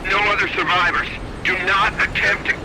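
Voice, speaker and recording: High-voiced security man over crackling CB radio. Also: fairly even intonation, normal speed. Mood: urgent. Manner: urgent, clipped radio talk. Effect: over a CB radio, breaking up with interference. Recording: heavy static radio transmission.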